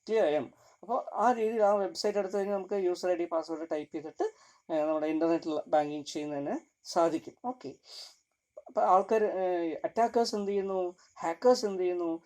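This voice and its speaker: A college lecturer explains in a classroom style. The voice is mellow and relaxed, with English terms woven into the explanation. Points are punctuated by frequent checks of "clear?". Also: mid-range voice. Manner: keeps asking "clear?" between points.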